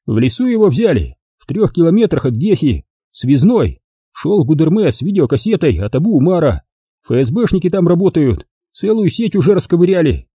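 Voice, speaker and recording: A man voicing a brutal, loud army brigade commander who talks harshly and threateningly in an audiobook. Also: fairly high pitch, very animated, brisk, slightly rough, no room sound, clean studio sound, pitched above the performer's own voice. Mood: reporting. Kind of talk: audiobook character voice.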